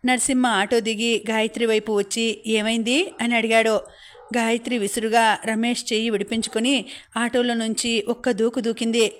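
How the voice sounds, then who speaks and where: Woman, audiobook narrator, steady even storytelling, fairly high voice, flat intonation. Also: moderate pace.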